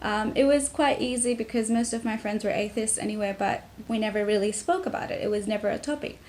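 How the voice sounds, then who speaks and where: A young woman from Tanzania, talking to camera about her family in a reflective way, with many pauses and restarts. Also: mid-range voice, a little mellow, a little hiss or hum. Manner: reflective, frequent ums and restarts. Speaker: vlogger. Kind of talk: personal talk to camera.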